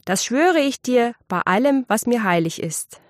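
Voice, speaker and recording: A woman reading aloud and voicing the middle son of a miller, an easygoing young man who talks calmly and kindly. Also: fairly high pitch, unhurried, no echo, clean studio sound, voice pushed up. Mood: friendly. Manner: calm and friendly.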